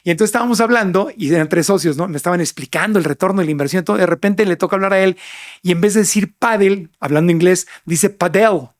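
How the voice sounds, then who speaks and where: Man as podcast host, high-pitched, animated storyteller. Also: fast talker. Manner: animated storyteller acting out quotes. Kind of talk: casual chat.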